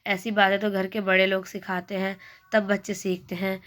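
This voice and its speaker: Awkward, courteous male clerk visiting a friend voiced by a woman reading; steady, flat pitch. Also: lightly acted. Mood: musing. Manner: slow, flat reading of dialogue.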